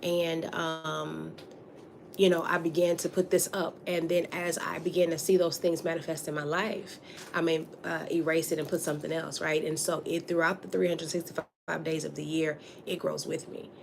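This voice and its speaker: A woman's voice: sits low, flat delivery, normal speed, gravelly. A woman speaking as an interview guest, sharing personal experiences in a reflective, conversational way. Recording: faint background noise.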